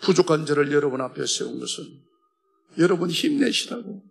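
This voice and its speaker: Church elder, male, Gyeongsang accent, husky and somewhat high-pitched, impassioned testimony. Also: fairly quick. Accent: Gyeongsang Korean. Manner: impassioned, swinging from loud to hushed. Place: church worship hall.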